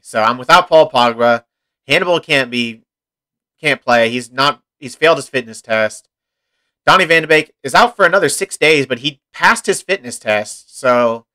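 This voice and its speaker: Bright-voiced young man commentating his game. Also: medium pitch. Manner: chatty, rambling, reacts to the match as he plays. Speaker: gaming commentator. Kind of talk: casual let's-play commentary.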